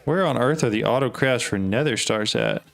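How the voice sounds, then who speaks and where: Male streamer, mid-pitched, casual and puzzled, thinking aloud over light music. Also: animated, normal speed, creaky, a bit bright. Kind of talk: casual live gameplay talk.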